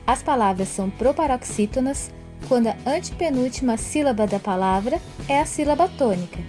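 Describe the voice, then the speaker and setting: Slow woman narrating an educational video. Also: on the high side, a little mellow. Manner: stretches example words syllable by syllable. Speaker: video teacher. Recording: narration over faint music.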